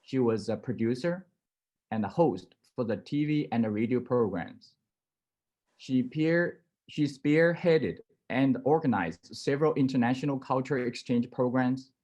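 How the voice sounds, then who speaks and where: A man's voice: medium pitch, animated, a little slow, darkish tone, muffled recording. A man, a former association president, reads a formal introduction of a keynote speaker with occasional hesitant fillers.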